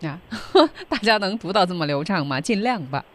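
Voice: medium pitch, very animated, moderate pace, fairly bright tone. A co-host of an English lesson who prompts the teacher and sums up points for listeners. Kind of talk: radio lesson chat.

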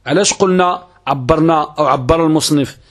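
A middle-aged man with a Moroccan accent, a sheikh lecturing on Arabic grammar, reciting verses and readings slowly and deliberately. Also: on the high side.

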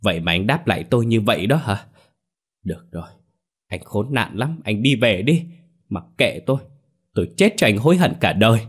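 A man's voice: fairly low pitch, animated, fairly quick, slightly rough. A man voicing a wronged young woman who bitterly reproaches her lover.

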